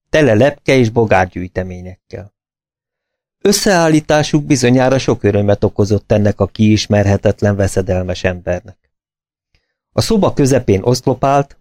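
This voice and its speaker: A man narrating an audiobook in a steady, measured storytelling manner. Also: on the low side, dry recording, studio quality.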